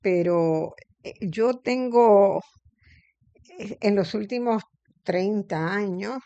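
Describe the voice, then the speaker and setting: A middle-aged woman hosting an interview, thinking aloud in a reflective way with frequent pauses and fillers. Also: medium pitch, mellow, dry recording, muffled recording. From Puerto Rico. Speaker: interview host. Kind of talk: conversational interview.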